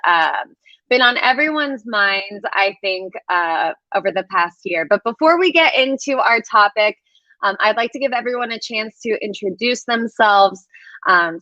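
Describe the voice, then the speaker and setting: A woman's voice: mid-range voice, sharp tone, dry recording, lo-fi sound. A young woman hosting a live stream over a video call, upbeat and chatty with lots of fillers. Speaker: host of a student live stream.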